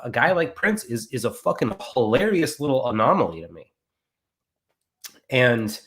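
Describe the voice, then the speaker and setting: A man's voice: medium pitch, fairly bright tone. A man talking frankly in casual chat, wry and swearing casually.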